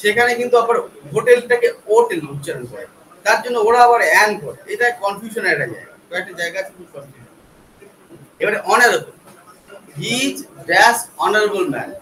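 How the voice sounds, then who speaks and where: High-voiced teacher in an echoey classroom. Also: male voice, animated, fast talker, a bit bright. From West Bengal, India. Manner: explains patiently, spells words letter by letter, asks rhetorical checks. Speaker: English teacher. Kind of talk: classroom grammar lecture. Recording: echoey classroom from far off, faint background noise.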